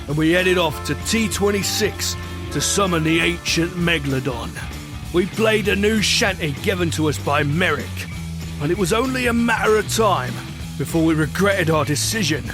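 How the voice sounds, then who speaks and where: A bearded pirate captain played by a man spins his adventure in a rather high voice over music. He is hearty and boastful, with a wistful streak, and talks in salty dialect like a storyteller in an audio drama. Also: moderate pace, lightly acted. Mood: storytelling. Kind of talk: scripted pirate adventure narration.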